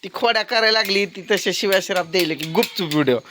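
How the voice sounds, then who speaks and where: A man's voice: high voice, fast talker, background noise. A man filming his family on a phone in a farmyard, scolding and teasing them in a blunt, casual way. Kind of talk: casual home vlog. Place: farmyard at home with animals. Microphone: phone camera.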